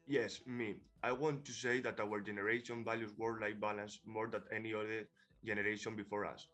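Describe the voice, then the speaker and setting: Young man from Spain, student panelist, bright and lowish, faint music behind. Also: little pitch movement, fairly quick. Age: young adult. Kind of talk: student podcast, read from notes.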